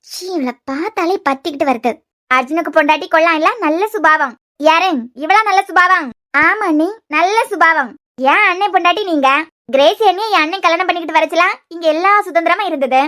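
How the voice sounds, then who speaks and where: A woman voicing a resentful young woman in a cartoon series, speaking in a sharp, scornful way with a Kanyakumari Tamil accent. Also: very high-pitched, fairly quick.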